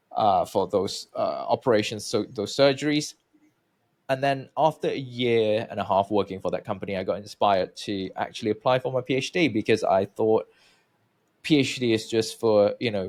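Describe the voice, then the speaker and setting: Chatty Malaysian-born man, low voice. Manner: chatty, many fillers and restarts. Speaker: guest researcher. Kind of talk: interview storytelling.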